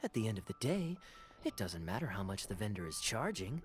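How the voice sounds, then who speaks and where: An actor playing a suave, unruffled captain in a video game, with a smooth, wry and teasing delivery. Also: male voice, fairly low pitch, very animated, a little fast, a little hiss or hum. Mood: wry, amused.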